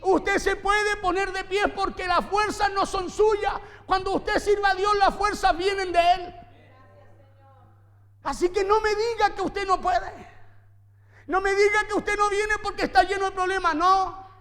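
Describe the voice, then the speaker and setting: High-voiced pastor preaching. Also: male voice, flat delivery, measured pace, fairly bright tone, in a large hall. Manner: emphatic preaching with repeated phrases and rhetorical questions. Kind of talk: sermon. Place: church.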